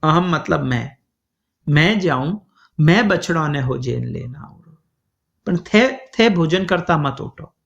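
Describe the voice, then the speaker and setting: A male preacher tells a devotional story at an unhurried pace, chanting verses and slipping into the voices of its figures. His voice sits high and swings widely in a sing-song way. The recording is muffled and lo-fi. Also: expressive, creaky, a bit bright. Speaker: preacher telling scripture stories. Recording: dull lo-fi recording.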